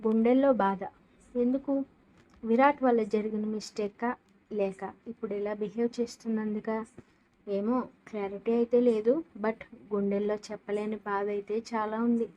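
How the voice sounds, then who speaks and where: A woman narrating a scripted audio love story in a steady, expressive reading. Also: medium pitch, moderate pace, muffled recording.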